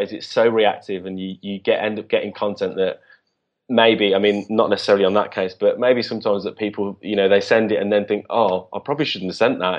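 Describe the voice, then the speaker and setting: A man talking casually as a podcast guest, halting with many restarts and fillers. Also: fairly low pitch, lo-fi sound. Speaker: guest, business co-founder.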